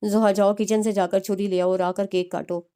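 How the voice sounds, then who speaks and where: A woman's voice: mid-range voice, little pitch movement, moderate pace, dark tone, clear, resonant tone, lightly acted. A woman voicing a strict, insistent middle-aged father who gives orders to his daughter. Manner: stern, scolding.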